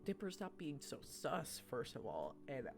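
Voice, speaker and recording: A woman's voice: extremely low pitch, vocal fry, over music. A woman streamer reading a dating-sim game's text aloud, breaking off to joke and tease the characters. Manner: animated and jokey, quick to tease the characters.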